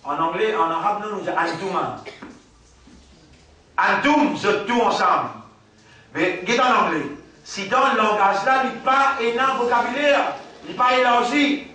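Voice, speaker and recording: A man with a Mauritian accent giving a religious lesson, repeating words slowly and mixing French with Arabic recitation. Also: sits high, bright, forceful tone. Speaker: Islamic teacher. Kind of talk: religious lesson after dawn prayer. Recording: very echoey room, from a distance.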